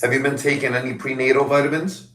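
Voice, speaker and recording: A man coaching clients over a video call, chatting casually with loud, excitable hype-man energy. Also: mid-range voice, fast, echoey room, far from the mic. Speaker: fitness coach.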